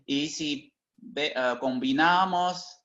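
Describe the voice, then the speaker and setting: Very slow halting male lecturer, dull sound. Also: on the high side, a bit bright. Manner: constant tag questions, halting and self-correcting. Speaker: teacher. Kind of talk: online lecture. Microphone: video call.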